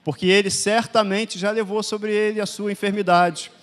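A man's voice: high-pitched, level tone, moderate pace. A man with a Brazilian Portuguese accent preaching a sermon, stressing his points with emphatic, repeated declarations. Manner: emphatic, repetitive declarations that swell louder.

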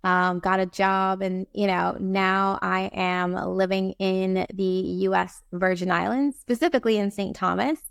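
Woman guest from Barbados, slightly gravelly, dry close sound, upbeat and chatty. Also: mid-range voice, no room sound. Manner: chatty, many fillers, upbeat. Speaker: guest, time management coach. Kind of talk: casual interview talk.

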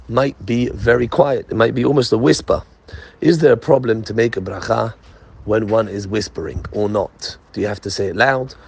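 Husky-voiced rabbi teaching a law lesson. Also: male voice, mid-range voice. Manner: explains step by step, asks and answers his own questions; mixes Hebrew terms into English. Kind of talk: short recorded halacha lesson.

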